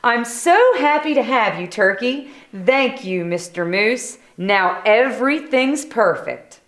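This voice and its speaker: Woman as a gracious, unhurried moose hostess. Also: fairly high pitch, animated, roomy sound. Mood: delighted. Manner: welcoming, politely directing guests.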